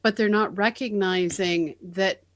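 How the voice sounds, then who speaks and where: A woman's voice: medium pitch, fairly even intonation, measured pace, fairly bright tone. A woman co-hosting a live podcast in casual chat, with dry, teasing remarks. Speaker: podcast co-host.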